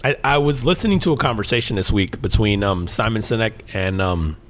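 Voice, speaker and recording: A man's voice: fairly low pitch, animated, fairly quick. A man chatting on a podcast with an easygoing, meandering delivery. He tells stories at length, restarts his sentences, and leans on fillers. He swears and laughs easily. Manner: rambling, laid-back storytelling with many fillers and restarts. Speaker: podcast co-host. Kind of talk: casual chat.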